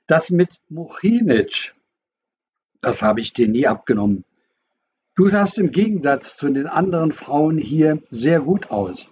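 A man's voice: a little high, sing-song, unhurried, darkish tone, husky, highs cut off, exaggerated voice. A man voicing a stern, suspicious father. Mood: accusing. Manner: accusing, bitter, insistent. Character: stern, suspicious middle-aged father, a doctor.

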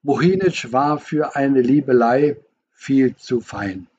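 A man reading the part of a wounded middle-aged mother with a soft, gentle voice, defensive and reproachful. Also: mid-range voice, lively intonation, takes it slowly, slightly rough, dull audio.

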